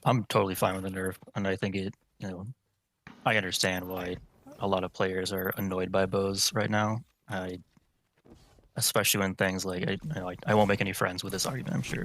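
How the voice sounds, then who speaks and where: A man answering interview questions in a relaxed, explanatory way with many fillers. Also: low-pitched, poor audio. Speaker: guest, competitive game player.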